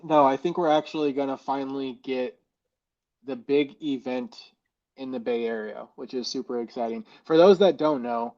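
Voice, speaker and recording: A man's voice: medium pitch, moderate pace, darkish tone. A man with an American accent chatting casually as a podcast guest, feeling for his words, his voice muffled as if underwater in a fishbowl. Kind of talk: casual chat.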